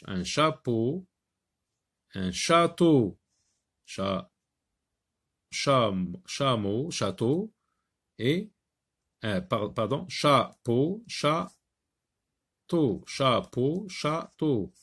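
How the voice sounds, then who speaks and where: A man leads a French phonics lesson at a very slow, deliberate pace, repeating each word and sound several times. His voice has a gravelly edge, and his pitch moves lively up and down as he stresses the sounds. Now and then he translates an instruction into Arabic. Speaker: French teacher.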